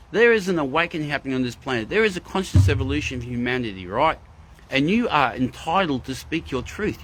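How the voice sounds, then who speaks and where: A man's voice: a little high, a bit bright, a little hiss or hum. A man hosting a live spiritual talk, speaking earnestly and emphatically, often repeating phrases and greeting viewers in the chat. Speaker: spiritual livestream host.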